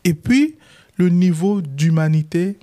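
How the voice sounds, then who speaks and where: In a high voice and at a slow pace, a young Chadian lawyer with a Chadian French accent shares his story as a casual interview guest. He's animated and performs the lines of dialogue he quotes.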